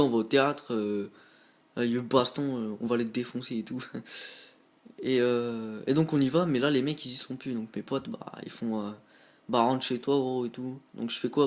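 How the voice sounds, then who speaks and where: A teenage boy from northern France casually telling his viewers a story, slangy and rambling, often calling out to them as guys. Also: medium pitch. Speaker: vlogger.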